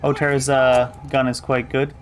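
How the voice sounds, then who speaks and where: A man gives casual playthrough commentary as a streamer. His voice sits at a middle pitch as he muses to himself, with faint game music behind him. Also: little pitch movement, moderate pace. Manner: musing aloud to himself.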